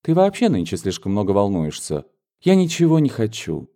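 A man's voice: fairly low pitch, wildly swooping pitch, moderate pace, dark tone. A man reading an audiobook, voicing a spirited young woman who reproaches her older sister. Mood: reproachful. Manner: heated, pleading reproach.

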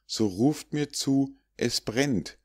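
A man voicing a gullible, blindfolded peasant boy from a storybook fable who calls out loudly to his friends. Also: mid-range voice, slow pace, breathy edge, no room sound, studio quality, pitched above the performer's own voice. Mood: calling out. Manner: calling out loudly.

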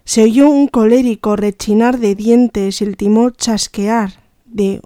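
Slow-reading woman, dark voice. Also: a little high, steady tone, dry recording, studio quality. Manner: slow, careful reading with occasional self-corrections. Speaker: story reader. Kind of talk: reading a story aloud.

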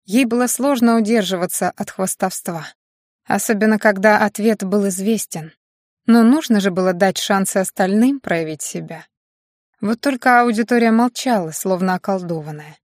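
A woman reading a fantasy story aloud in steady, scripted audiobook narration. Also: mid-range voice, moderate pace, dry recording, studio quality.

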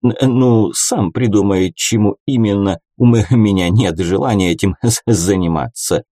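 A stern older treasurer of a holy order who stammers on the start of each curt phrase, as a male audiobook narrator puts him on. His tone is mellow and dark, and the reading sounds close and dry. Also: lowish voice, normal speed, no echo, natural voice.

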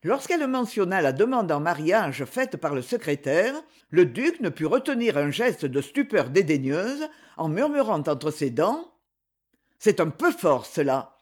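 A narrator reading a classic romance novel in an expressive, animated way. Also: mid-range voice, normal speed. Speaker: audiobook narrator.

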